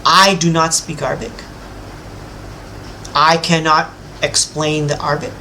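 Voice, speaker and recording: Bright and forceful, his steady voice sits on the high side and moves a little slowly; the audio is poor, with slight background noise. He's a self-styled religious teacher, an English speaker by birth, who addresses a scholar head-on in an emphatic, lecturing rebuttal while bragging about his own knowledge.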